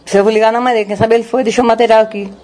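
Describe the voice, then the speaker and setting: An older woman with a Brazilian Portuguese accent, a grieving grandmother telling in distress what happened, in a rushed, breathless retelling full of quoted dialogue. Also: a little high, steady tone, warm tone. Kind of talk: emotional first-hand account.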